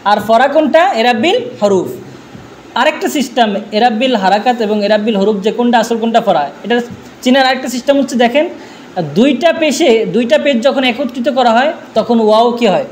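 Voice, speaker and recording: High-voiced man drilling a class. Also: moderate pace, a little hiss or hum. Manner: drilling with repeated questions. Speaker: teacher. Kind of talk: classroom grammar lesson.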